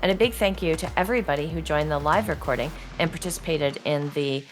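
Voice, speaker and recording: A woman hosts a podcast in a low voice, friendly and a little halting with fillers. Faint music plays behind her. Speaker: podcast host. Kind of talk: podcast hosting.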